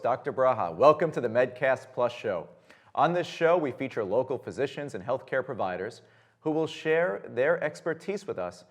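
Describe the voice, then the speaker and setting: A man hosting a public television health interview, opening his lines with energetic emphasis. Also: medium pitch. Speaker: host.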